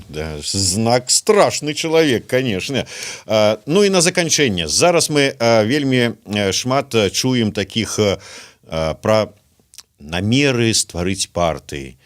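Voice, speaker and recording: A man's voice: lowish voice, very animated, slow pace. A man asking interview questions hesitantly, with many filler sounds between his words.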